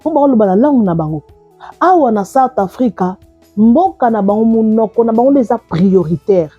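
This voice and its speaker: Husky woman commenting. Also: a little high, expressive, fairly quick, dry recording, lo-fi sound, faint music behind. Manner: opinionated, talking straight to viewers. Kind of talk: video commentary. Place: South Africa.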